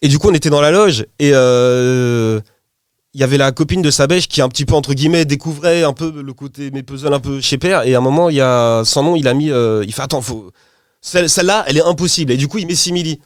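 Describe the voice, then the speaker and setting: A man with a cold, a rapper and guest, chatting casually in an interview, animated and rambling, laughing often and using lots of slang. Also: mid-range voice, quick pace, smooth, no echo, studio quality. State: has a cold.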